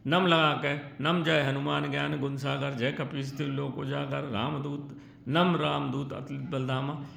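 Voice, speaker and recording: Gravelly-voiced man teaching devotional practice. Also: on the high side, a bit bright. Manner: earnest, instructive, chants syllables and verses. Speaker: spiritual teacher. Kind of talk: devotional instruction talk. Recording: echoey room with faint ambience.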